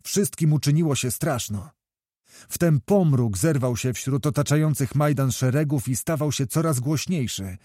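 A man reading a historical novel aloud as an audiobook narrator, in a measured storytelling manner. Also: mid-range voice, warm tone, no room sound, clean studio sound.

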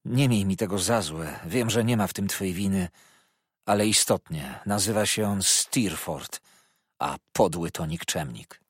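A man's voice: low-pitched, a little slow, husky, no echo, studio quality. A man reading as a strained young fisherman. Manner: toneless, strained speech. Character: distressed young fisherman, speaking with effort. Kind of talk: audiobook character reading.

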